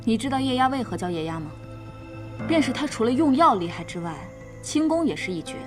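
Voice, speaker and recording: An actress playing the sharp, self-assured female head of an information network, briefing others. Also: on the high side, sing-song, a little fast, music in the background. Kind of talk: period drama acting.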